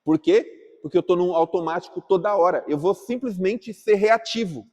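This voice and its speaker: Leading a class at church, this man talks casually and quizzes the group, naming individuals to answer. He has a high-pitched, slightly mellow voice and a moderate pace.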